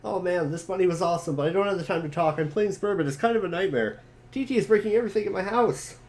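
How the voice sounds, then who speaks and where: A man voicing an excitable, panicky teenage boy gamer in a dramatic reading of a webcomic. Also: high voice. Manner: rapid, rising, alarmed.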